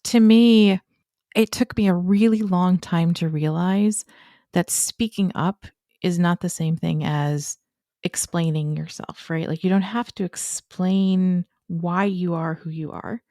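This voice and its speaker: Woman educator on a podcast, earnest, kinda emphatic, lowish voice, dry close mic. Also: slow pace, mellow, no room sound. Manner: earnest, emphatic, ends points with "right?". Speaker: guest, educator. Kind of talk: podcast conversation.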